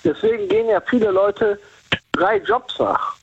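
A man's voice: high voice, unhurried, slight background noise. A man from Cologne calling in to a radio show, talking in a loose, rambling way over the phone. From Cologne, Germany. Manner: rambling, repeats himself. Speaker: caller. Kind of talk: casual phone-in chat. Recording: muffled phone line.

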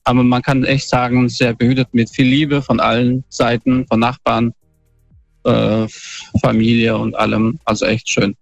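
A man's voice: mid-range voice, level tone, normal speed, gravelly, dry recording. A man calling in over a phone line, telling his story in a casual, hesitant way with many fillers and restarts. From northern Bavaria. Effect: phoned in over a dull, lo-fi phone line. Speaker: caller.

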